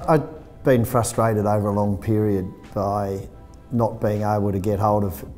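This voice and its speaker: Mellow-voiced middle-aged farmer. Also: male voice, fairly low pitch, fairly even intonation, moderate pace, soft background music. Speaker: dairy and sheep farmer. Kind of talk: interview. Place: office meeting room.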